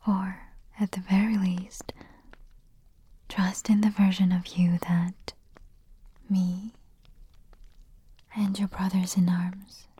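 Woman, ASMR roleplay queen, breathy soft whisper, intimate and calming. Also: medium pitch. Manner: slow, soothing and intimate. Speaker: ASMR performer.

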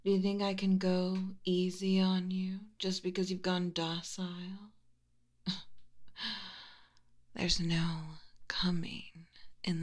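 This is whispered roleplay audio: a young woman voices a tailed spirit who guards a library, a mocking, playful figure who likes to give orders. Her soft whisper is laced with low laughter, and the tone stays teasing and commanding throughout.

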